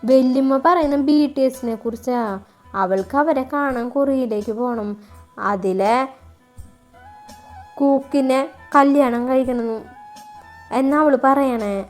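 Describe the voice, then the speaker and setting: A playful teenage boy with a chatty, teasing way of talking, read by a woman. His voice runs high and light. This is a storybook character voice. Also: slow, pauses often, soft background music. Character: playful teenage younger brother.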